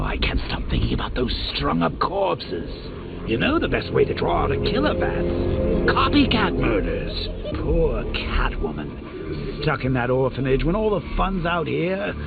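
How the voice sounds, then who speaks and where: The Joker, wildly swooping gravelly villain. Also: male voice, a little high, exaggerated voice. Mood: mock sympathy, glee. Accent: American. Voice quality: gravelly, cackling. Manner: theatrical, mocking, swooping from sinister murmurs to gleeful cries. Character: manic, sadistic clown villain, gleefully taunting a vigilante. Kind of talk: theatrical video game villain acting. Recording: tinny band-limited game audio under loud music.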